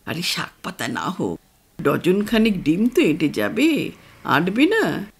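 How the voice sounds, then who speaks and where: A woman voicing a stubborn, food-loving retired father in his sixties, who jokes and grumbles slowly. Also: on the low side, sing-song, vocal fry, husky, heavily acted. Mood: teasing. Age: over 60.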